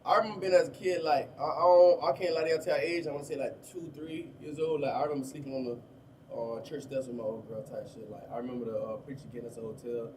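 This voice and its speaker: A man's voice: medium pitch, fairly even intonation, darkish tone. A man of thirty with a Miami accent, talking casually as an interview guest about his life, in loose street slang. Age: 30s. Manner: fast, loose street slang, lots of "you know what I'm saying". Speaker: rapper guest. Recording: distant mic with faint room noise.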